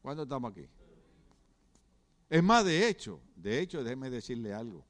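A middle-aged man preaching a sermon in church, animated, often asking the congregation questions. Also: medium pitch, normal speed. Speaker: pastor.

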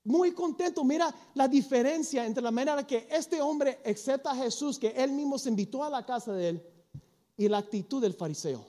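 A man with a notably high voice delivers a sermon. He tells the story with energy, acts out what the characters say, and drops English phrases into his talk. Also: moderate pace. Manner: animated storytelling, acting out quoted lines. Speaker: preacher.

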